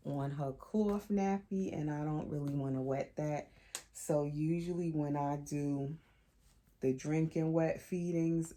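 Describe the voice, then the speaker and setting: A woman's voice: sits low, dark tone. A middle-aged woman hosting her own vlog, chatting casually as she shows what she is doing, with plenty of asides and self-corrections. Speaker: doll collector vlogger.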